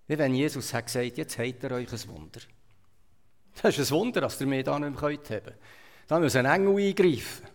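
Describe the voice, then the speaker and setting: In a reverberant hall, a man from Switzerland preaches with a Swiss German accent, shifting between forceful, loud points and soft asides as he tells the sermon like a story. His pitch is medium.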